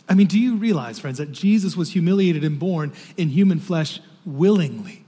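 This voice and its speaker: A man preaching a sermon as pastor, slow and emphatic, falling to a hush on key phrases. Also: high voice. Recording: reverberant hall.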